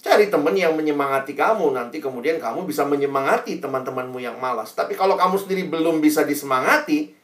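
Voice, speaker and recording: A man's voice: fairly high pitch, fast. Young man preaching in a roomy space. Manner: conversational, acts out quotes, sudden loud emphasis. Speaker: youth preacher. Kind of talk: sermon to students. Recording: roomy, distant from mic.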